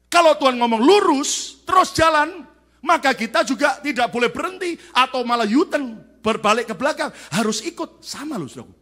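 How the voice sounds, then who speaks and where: A man preaching a sermon as pastor to a church congregation, asking questions and calling for answers, swinging from loud shouted peaks to quiet asides. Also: very high-pitched. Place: large church sanctuary.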